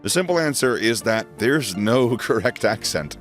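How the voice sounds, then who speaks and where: A man with a General American accent giving clear, measured scripted educational narration, with light wry asides. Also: medium pitch, very animated, soft background music.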